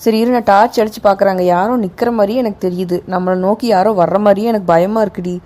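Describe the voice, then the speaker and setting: A woman's voice: mid-range voice, fairly even intonation, fast, mellow, close to an everyday voice. A woman voicing a nervous girl at a forest camp who scolds her friends for waking her.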